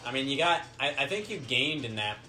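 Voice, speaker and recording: A man's voice: medium pitch, big pitch swings, fairly quick. A man in casual gaming chat, making dry teasing jokes at his friends. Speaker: co-host. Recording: music playing behind.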